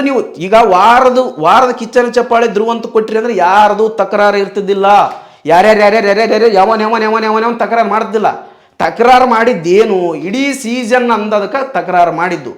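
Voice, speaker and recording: A man's voice: high voice, fairly even intonation, fast talker. A young man, delivering an impassioned opinion monologue as a fan, full of rhetorical questions. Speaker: fan commentator.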